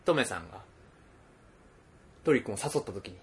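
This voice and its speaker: A man's voice: lowish voice, lively intonation, normal speed. A young man with a Kansai accent co-hosting a casual podcast chat in a laid-back, teasing way. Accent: Kansai Japanese. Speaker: podcast co-host.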